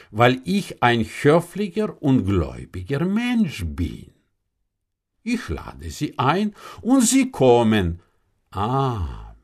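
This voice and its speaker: Man voicing a shrewd old traveler, sighing, deliberate, very slow, pitch swinging widely. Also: slightly rough, full character voice. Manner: sighing, deliberate explanations with rhetorical questions.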